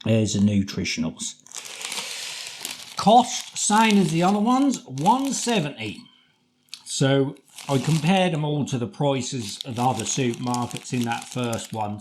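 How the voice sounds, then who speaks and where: A man's voice: medium pitch, darkish tone, slight background noise. A middle-aged man with a British accent giving a casual, informal food review to camera in a home kitchen. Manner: informal, chatty, colloquial. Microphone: camera across the table.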